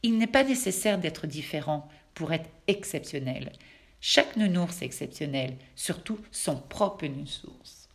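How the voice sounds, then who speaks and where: A woman voicing a kind patchwork elephant who speaks gently and helpfully in a children's storybook. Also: low voice, animated, measured pace, vocal fry, heavily acted. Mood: gentle.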